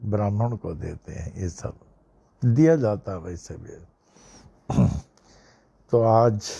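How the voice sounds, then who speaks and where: An older man giving a devotional discourse, telling a story slowly with repeated phrases and bits of English. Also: lowish voice, expressive, creaky, mellow, breathy edge. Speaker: spiritual teacher.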